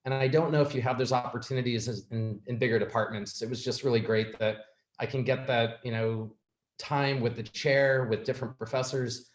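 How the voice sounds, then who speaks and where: A man on an alumni panel, recalling his student years in a measured way with small hesitations. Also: mid-range voice, steady tone. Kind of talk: reflective panel talk. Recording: echoey room.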